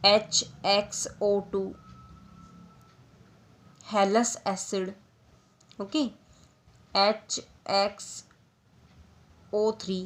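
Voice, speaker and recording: Slow-paced woman teaching chemistry. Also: mid-range voice. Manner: slow, deliberate, repeats key terms, addresses students as beta. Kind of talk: classroom lecture mixing Hindi and English.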